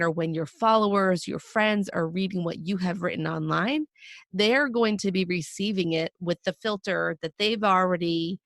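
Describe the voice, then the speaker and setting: A woman co-hosting a podcast with a scratchy, raspy voice, hoarse from a cold, explaining points in a relaxed, chatty way. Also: fairly low pitch, no room sound, clean studio sound. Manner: explanatory, laid-back, with frequent fillers. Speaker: podcast co-host. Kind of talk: casual podcast discussion.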